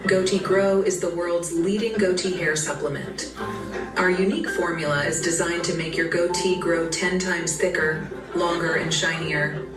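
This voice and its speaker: An actress playing a brash, mocking supplement announcer in a parody infomercial. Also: female voice, on the low side, steady tone, moderate pace, natural voice. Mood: brash, salesy. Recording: roomy distant playback with music.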